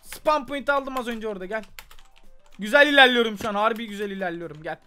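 A man hosting a casual gameplay video, talking fast and getting exasperated, often breaking into shouts. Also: sits high, clear, resonant tone, faint music behind. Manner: excitable, exasperated outbursts, frequent shouting. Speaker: gaming channel host.

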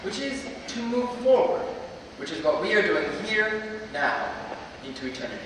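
Very animated and high-voiced, a teenage student gives a moderately paced commencement speech, earnest yet wryly humorous, from a lectern in a big auditorium. The stand mic is filmed from a distance, and the echoey hall has a noisy background.

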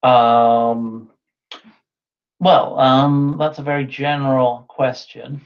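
Speaking extremely slowly in a level, medium-pitched voice, a man in his thirties delivers an online talk as an invited speaker and answers questions, restarting and using fillers as he thinks aloud. He is on a webcam video call from an indoor room with a whiteboard. The audio is dull and lo-fi.

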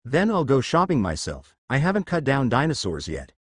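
A man voicing a gruff, stubborn young male swordsman, speaking bluntly. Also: mid-range voice, huge pitch swings, moderate pace, no echo, studio quality.

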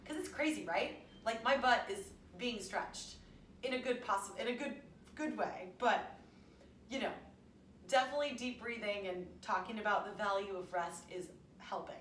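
Filmed at home by a camera a few meters off, this fitness instructor in her thirties keeps a casual stretching session chatty and encouraging. Her medium-pitched voice has lively intonation, a moderate pace and a fairly bright tone, and the distant mic picks up a roomy space with faint background noise.

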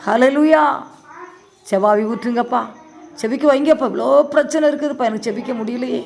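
Woman preacher, higher voice, fervent prayer sermon, loud exhortations dropping to quiet hallelujahs. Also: brisk, creaky. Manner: fervent, rising and falling with repeated hallelujahs.

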